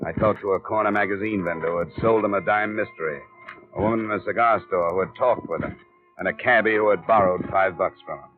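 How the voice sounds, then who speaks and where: A man's voice: fairly low pitch, fast talker. An actor playing a tough, level-headed male private investigator who also narrates in clipped, matter-of-fact tones, heard as an old AM radio broadcast. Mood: narrating. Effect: old AM radio broadcast sound. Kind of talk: 1950s radio drama acting and narration. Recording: tinny, narrow-band old radio broadcast. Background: music bed.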